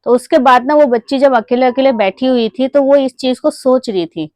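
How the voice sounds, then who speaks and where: A woman tells a gentle moral story straight to her viewers, calling them friends and padding her sentences with small fillers. Her voice sits a little high. The sound is dry and close, with no room echo. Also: moderate pace. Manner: chatty, addresses viewers as friends, many fillers; gently acts out a child's excited calls to her mother. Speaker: vlogger telling a moral story. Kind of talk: casual storytelling.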